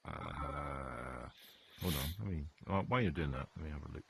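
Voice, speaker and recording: A man's voice: extremely low pitch, lively intonation, normal speed, creaky, a bit bright, breathy edge, no echo. A man in a casual technical chat on a work call, chatty and thinking aloud as he works. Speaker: software developer on a work call.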